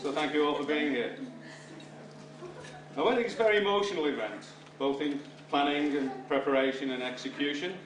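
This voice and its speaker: A middle-aged or older British man, his voice fairly high and his pace fairly quick, gives a father of the bride speech full of dry, wry humour. Faint music plays behind him. The distant microphone makes the recording sound roomy, and the room noise and guests' laughter come through clearly.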